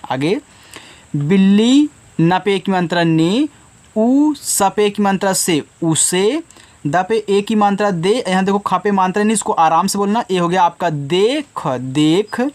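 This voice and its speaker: Slow, patient man sounding out syllables. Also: sits high. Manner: sounds out syllables slowly, then says the whole word. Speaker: teacher. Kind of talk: slow Hindi reading lesson for children.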